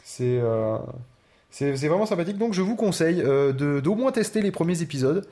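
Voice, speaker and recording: A man co-hosting a podcast in relaxed casual chat, hesitating with many fillers. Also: on the high side, normal speed. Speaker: podcast co-host.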